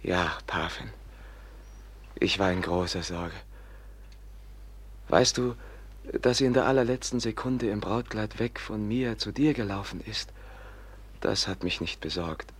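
An actor playing a gentle, anxious prince in a literary radio drama, husky and breathy, with an earnest, halting, pleading way of talking. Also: male voice, on the low side. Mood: worried, resigned.

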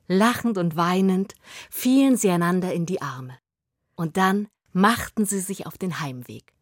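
Slow, husky fairy-tale storyteller woman. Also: lowish voice, no room sound, clean studio sound. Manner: slow, expressive storytelling, dropping to a whisper at times.

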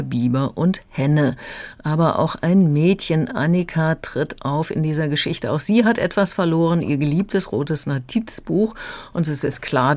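A woman reviewing a children's audiobook on the radio, calm and explanatory. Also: sits low, no echo. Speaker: book critic.

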